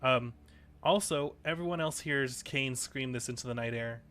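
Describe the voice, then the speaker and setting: A man narrating as dungeon master of a tabletop game, halting with many ums and restarts. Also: mid-range voice, a bit bright.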